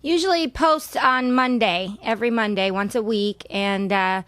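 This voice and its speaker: A middle-aged woman from Southern California guests on a podcast, telling rambling stories in a casual interview chat and laughing often with warmth. Her voice is a little high and moves at normal speed. The studio sound is clean with no echo.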